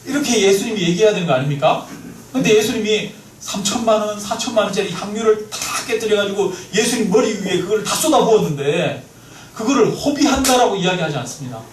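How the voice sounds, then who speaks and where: A male pastor preaching a sermon in a church, lively, often asking the congregation questions. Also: high-pitched, quick pace. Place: church sanctuary. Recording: roomy, mic at a distance, faint noise.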